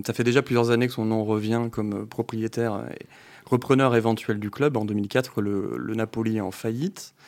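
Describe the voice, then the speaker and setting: A man's voice: lowish voice, darkish tone. A man, a deputy editor, explaining things in a podcast discussion, hesitant with many restarts. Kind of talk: casual discussion.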